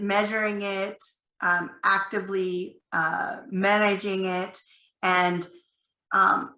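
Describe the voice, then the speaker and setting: A woman speaking on a panel, her voice croaky from a cold, talking in a loose, chatty way. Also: medium pitch, sharp tone, echoey room, low-quality recording. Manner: loose and chatty, thinking aloud. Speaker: panel speaker, company CEO. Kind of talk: conversational panel presentation.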